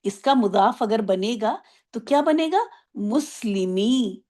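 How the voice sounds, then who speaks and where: A woman teaching an online Arabic grammar class, explaining patiently, asking if everyone follows, and drawing out example words slowly. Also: fairly high pitch, animated, a little mellow. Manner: explains patiently, asks checking questions.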